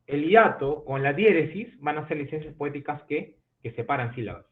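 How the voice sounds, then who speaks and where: A male literature teacher giving an online class, explaining step by step and checking understanding with quick questions. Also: a little high, expressive. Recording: tinny phone-like audio from an online call.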